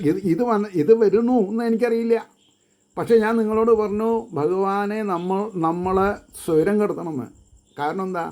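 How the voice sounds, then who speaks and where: Man, high voice, unhurried devotional preacher who chants verses between explanations. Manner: chants verses slowly, then explains in quick bursts. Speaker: devotional speaker. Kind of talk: Malayalam devotional discourse.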